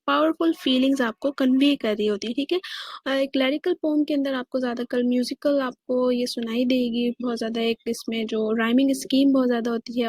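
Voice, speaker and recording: A woman's voice: high-pitched, no room sound. A woman with a Pakistani Urdu accent giving a classroom lecture on poetry, explaining step by step and checking in often with "okay". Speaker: English teacher.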